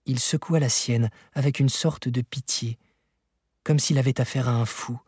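A man reading a novel aloud in a measured, even storytelling manner, with a husky voice. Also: mid-range voice, no echo, clean studio sound. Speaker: audiobook narrator. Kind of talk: scripted literary narration.

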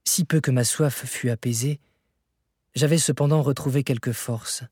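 A man reading a classic novel aloud as scripted narration, measured and expressive. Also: medium pitch, slightly rough, no room sound, studio quality. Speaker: audiobook reader.

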